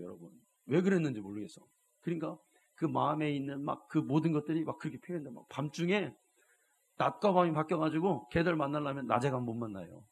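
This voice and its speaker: A man preaching a Sunday sermon in church as pastor, telling stories and swinging from hushed asides to loud exhortation, often prompting the congregation. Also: a little high, breathy edge. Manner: keeps addressing the congregation with rhetorical prompts.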